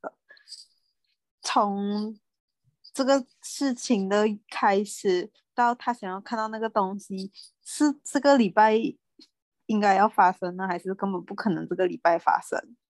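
Brief: woman podcast co-host, mid-pitched, dry close mic, curious interviewer. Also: no echo. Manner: questioning, thoughtful, laughs along. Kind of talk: casual chat.

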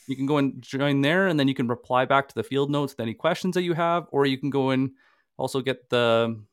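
A Canadian man with a smooth, mid-range voice co-hosts a live sales workshop and podcast, talking fairly quickly. The studio-quality recording has no room sound. His delivery is casual webinar chat, conversational with homely everyday examples and the occasional slight stammer.

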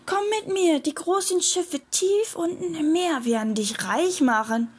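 A woman voicing a beautiful mermaid who coaxes softly in a children's storybook reading. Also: extremely high pitch, measured pace, voice pushed up. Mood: coaxing.

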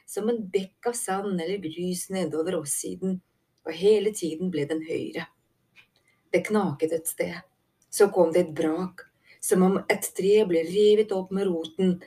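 A woman reading a fantasy novel aloud as an audiobook narrator, in calm, even storytelling. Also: medium pitch. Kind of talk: scripted narration.

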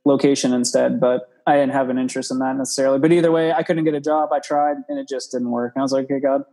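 A man's voice: mid-range voice, level tone, fast, dark tone, low-quality recording. A young man as an interview guest, telling his story in an earnest, rambling way and often quoting what he said to himself.

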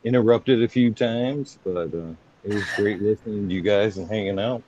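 A man with a low voice rambles casually on a livestream panel. The audio is dull, with faint noise behind him. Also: normal speed, dark tone. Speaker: cannabis grower on a livestream panel.

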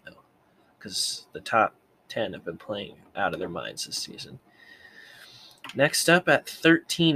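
A man's voice: medium pitch, fairly bright tone, a little hiss or hum. A young man hosting a sports video, commenting casually and thinking aloud, often correcting himself as he goes.

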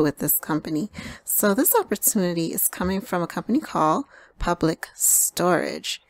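A woman presents a work-from-home opportunity as a promotional pitch. Her voice sits a little low for a woman. She explains things plainly and addresses viewers directly, in a very dry recording with no room sound. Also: dry recording. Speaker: video host presenting job openings.

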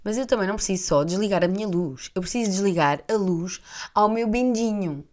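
A young adult woman with a European Portuguese accent, hosting a casual chat and telling anecdotes in an animated way, laughing often and acting out voices. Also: mid-range voice, fairly quick. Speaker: podcast host.

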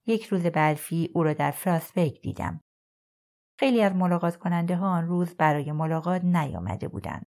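A woman narrating a novel chapter for an audiobook podcast in a calm, even storytelling manner. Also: lowish voice. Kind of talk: scripted narration.

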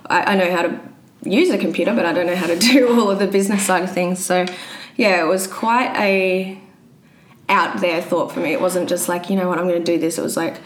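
A woman's voice: on the low side, fairly quick. A woman in her twenties with a Queensland Australian accent, telling her personal story casually and a little hesitantly as an interview guest. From Brisbane, Australia. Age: 20s. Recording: roomy echo, audible background noise.

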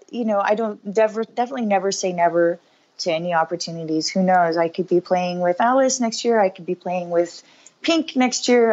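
A woman's voice: mid-range voice, darkish tone, highs cut off. A woman in her thirties talking in a casual interview as a guest musician, upbeat and chatty with lots of fillers. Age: 30s.

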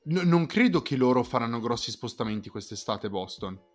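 A man talks basketball as a podcast panelist in an average-pitched voice. His delivery is colloquial and emphatic, circling back to restate points. Soft music plays in the background. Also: animated, fairly quick. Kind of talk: casual basketball chat.

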